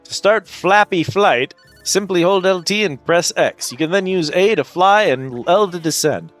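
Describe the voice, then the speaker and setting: A man's voice: sits high, lively intonation, unhurried, a bit bright, voice pushed up. A man voicing a chummy, old-fashioned snake tutor from a video game, reading the dialogue aloud in a theatrical way. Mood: chummy, grand. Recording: music behind the voice.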